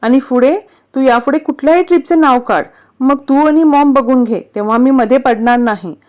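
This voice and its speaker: A woman's voice: high-pitched, normal speed, a little mellow, lightly acted. A woman voicing a young man who scolds his younger sister like a firm elder brother. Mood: scolding. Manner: scolding, stern.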